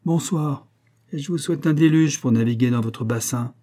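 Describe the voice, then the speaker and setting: A man's voice: medium pitch, normal speed, dark tone, voice pushed up, natural voice. A man reading the lines of a haughty provincial doctor with a curt, sarcastic delivery.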